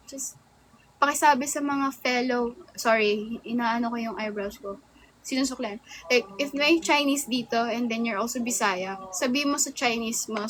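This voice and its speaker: Young woman streamer, high and bright, playful unhurried live chat with viewers. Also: a little hiss or hum, low-quality recording. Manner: playful, chatty, reacts to viewer comments. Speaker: livestreamer.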